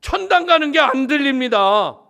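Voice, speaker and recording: A man's voice: very high voice, big pitch swings, moderate pace, creaky, sharp tone, voice pushed up, full character voice. A male pastor acting out a young preacher who pleads earnestly with God in prayer. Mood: pleading.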